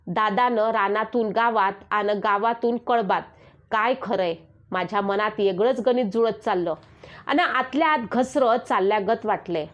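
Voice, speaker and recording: A woman with a somewhat high voice reads a village story aloud, lifting her tone to voice market sellers and family members. The recording sounds dull and lo-fi, with the top end muffled. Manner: voices villagers with raised calls and dialect. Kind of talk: reading a Marathi rural story aloud.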